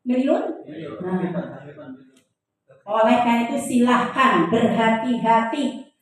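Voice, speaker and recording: Speaking slowly in a slightly high voice, a woman lecturer teaches her class with humor and quizzes the audience. The room is very echoey, and her voice sounds distant.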